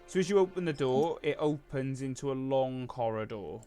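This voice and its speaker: A man runs a tabletop game in an unhurried, hesitant way, often stopping to think mid-sentence. He sounds middle-pitched and easygoing, with faint music playing in the background. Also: expressive, warm tone. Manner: laid-back, hesitant with frequent ums. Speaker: game master.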